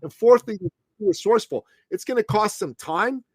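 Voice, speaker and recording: A success coach in his late fifties, originally from the Middle East, speaks at a moderate pace in a high-pitched voice with no room sound. His podcast interview manner is punchy and emphatic, and he refers to the host as "brother" and "man."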